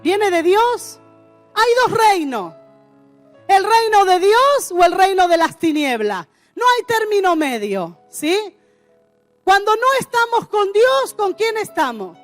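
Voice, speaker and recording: A woman with a Rioplatense Spanish accent preaching a sermon in a church, emphatic, with rising shouts and drawn-out words. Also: very high-pitched, very animated, soft background music. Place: church hall.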